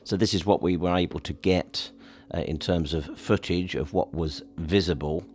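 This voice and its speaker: A man doing a relaxed studio voiceover in a husky, slightly dreamy voice. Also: sits low, normal speed. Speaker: video host. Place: home studio.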